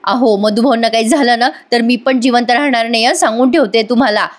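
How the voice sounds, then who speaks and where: A crying young wife snaps in frantic worry, as a woman retells the scene. Her voice sits fairly high and stays close to the narrator's own. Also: steady tone, brisk, natural voice. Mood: distraught.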